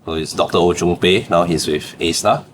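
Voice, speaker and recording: A young adult man from Singapore, a startup founder on a podcast, speaks in a low-pitched, brisk voice over slight background noise. His casual interview storytelling carries a Singaporean English accent, frequent laughter, and "lah" tacked onto his phrases.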